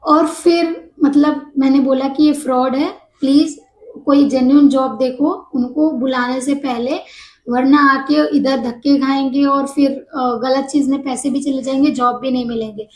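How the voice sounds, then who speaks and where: A woman casually telling a personal story to camera, animated and mixing English words into her speech. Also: sits high, unhurried, echoey room, slight background noise, low-quality recording.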